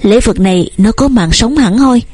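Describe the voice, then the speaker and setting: A woman's voice: fairly high pitch, lively intonation, normal speed, darkish tone, breathy edge. A woman voicing an earnest, devoted young man who courts eagerly and speaks at length.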